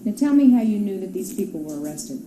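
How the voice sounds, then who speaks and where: A woman's voice: medium pitch, big pitch swings, quick pace. A woman questions someone as an interrogator. She is formal and insistent, pressing the same pointed questions again. The recording is echoey with noticeable noise behind her.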